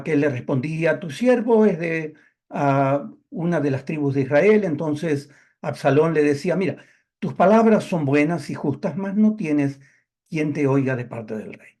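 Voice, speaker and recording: Higher-voiced man preaching a Bible sermon. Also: darkish tone. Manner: reads scripture aloud slowly with emphasis. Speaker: pastor.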